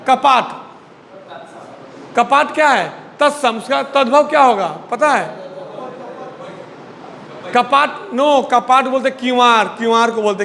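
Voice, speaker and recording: High-voiced man teaching a Hindi class. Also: fairly bright tone, long reverb tail. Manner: drills word pairs, repeats words, prompts students to answer. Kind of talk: classroom lesson.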